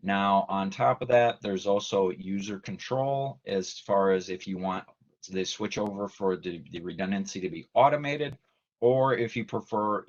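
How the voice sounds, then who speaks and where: Through dull, lo-fi video call audio, a low-pitched man presents a semi-scripted explanatory webinar as his company's technical trainer. He explains methodically and at a measured pace in the online meeting.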